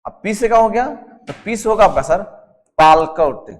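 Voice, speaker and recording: A man's voice: sits high, lively intonation, normal speed, in a large hall. A man with a Jharkhand Hindi accent teaching an exam-prep lesson, quizzing the class and repeating each term again and again. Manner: drills answers as questions, repeats each term; constantly adds a respectful "sir" to the students. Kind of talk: whiteboard lesson with a mnemonic.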